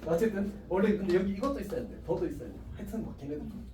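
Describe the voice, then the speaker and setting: A male high school math teacher giving a casual classroom lecture, chatty and self-mocking, always checking with the class. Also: very fast, a crowd in the background. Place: classroom with students. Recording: echoey classroom, distant mic, faint hiss.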